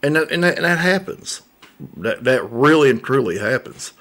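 Speaking at normal speed in an animated, medium-pitched, slightly bright voice, a man rambles through a casual sports talk monologue for his local show. He uses lots of fillers and repeated words, talking into a large boom-arm studio mic in a small indoor room dressed as a coffee shop.

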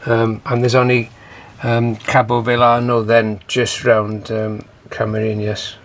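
This man sounds completely flat and slow, his voice in the mid range, as he narrates a casual, meandering video diary of his solo voyage with many ums and uhs. He films on a handheld camera aboard his sailboat at sea and in harbour, and the outdoor audio is noisy with wind and water.

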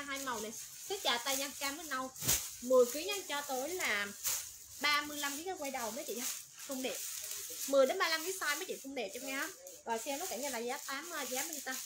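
A woman running a livestream clothing sale, rattling off colors, sizes and prices in quick, repetitive patter. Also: high-pitched. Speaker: online clothing seller. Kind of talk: livestream sales pitch. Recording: noisy background.

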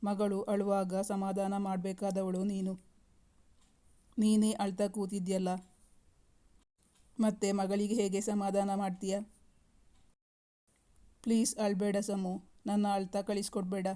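A busy young husband from a storybook reading talks gently and reassuringly, voiced by a woman narrator. The delivery stays almost monotone, with a soft, mellow tone. He sounds affectionate and patient. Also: mid-range voice, unhurried, pauses often, natural voice. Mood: coaxing.

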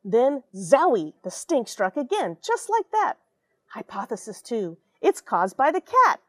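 An American woman in her forties, an astronaut, reads a children's picture book aloud from a small space station airlock crowded with equipment. Her fairly high, very animated, fairly bright voice moves a little slowly, recorded dry at studio quality, full of dramatic emphasis and friendly asides to young listeners.

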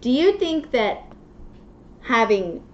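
Reading a picture book to a small child, a woman in her thirties, a mother and children's read-aloud presenter, chats in simple language and checks in with frequent questions. Her voice runs on the high side, very animated, and she takes it slowly. Recorded indoors in a small classroom, the webcam audio is muffled and echoey, with noise.

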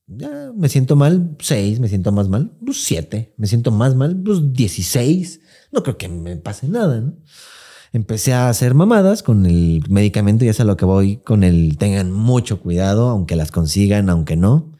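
This man has a lowish voice, speaks at a moderate pace, and carries a Mexican Spanish accent. As a podcast co-host, he tells a personal story in casual chat full of swearing and slang. He acts out what people said in an animated retelling.

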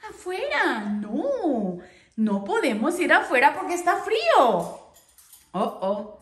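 Woman vlogger, unhurried, sweet baby talk to her bird, voice swooping high and low. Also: huge pitch swings, echoey room. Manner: coaxing sing-song baby talk with frequent laughter. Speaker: parrot owner and channel host. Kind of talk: casual vlog talking to a pet parrot.

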